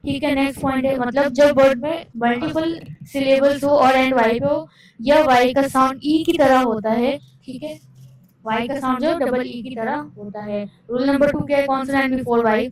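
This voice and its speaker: Her voice is high-pitched with fairly even intonation as she covers English spelling rules in Hindi, and the audio is poor. Each rule is read slowly in English before a quick Hindi explanation, and she answers her own questions.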